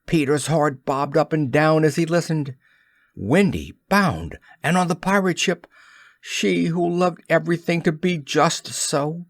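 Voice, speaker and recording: A man reads a children's classic aloud at an unhurried, measured pace. His pitch rises and falls freely as he tells the story. The recording is dry and close. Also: lively intonation, no room sound. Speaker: audiobook narrator. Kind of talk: scripted narration.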